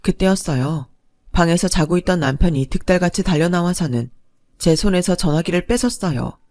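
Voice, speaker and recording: A woman's voice: lowish voice, brisk, darkish tone, no room sound, clean studio sound. A woman narrating a first-person drama story in a plain, confiding way.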